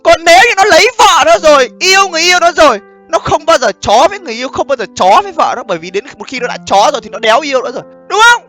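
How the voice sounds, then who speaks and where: A man delivers a casual, blunt monologue on relationships with plenty of swearing. His voice sits very high and swings widely, with a sharp, forceful edge as he keeps checking that his listeners follow. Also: very animated, rapid-fire, few pauses, soft background music. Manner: blunt, profane, often asks "understand?" and "right?". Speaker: online host giving relationship commentary. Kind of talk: casual monologue addressed to viewers.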